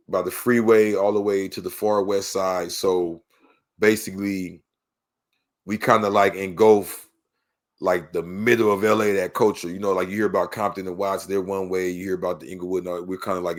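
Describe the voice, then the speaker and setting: Deep-voiced Los man, laid-back. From Los Angeles. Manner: laid-back and rambling, heavy on "you know what I'm saying". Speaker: guest. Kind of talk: casual interview talk.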